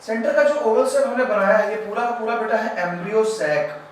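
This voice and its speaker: A man teaching a biology lesson at a board. He explains step by step, asks his class if it is clear, and goes loud and then quiet as he draws. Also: sits high, brisk, distant mic. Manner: loud when explaining, quiet and trailing off while drawing. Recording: very echoey room, voice off-mic, faint background hiss.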